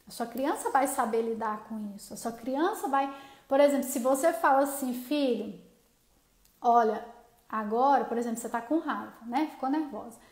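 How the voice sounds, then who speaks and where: A woman's voice: high-pitched, a little fast, darkish tone. A woman in her thirties with a Brazilian Portuguese accent, giving parenting advice to viewers in a chatty way that often asks for their agreement. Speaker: parenting vlogger. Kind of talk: casual advice talk to viewers. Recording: roomy echo.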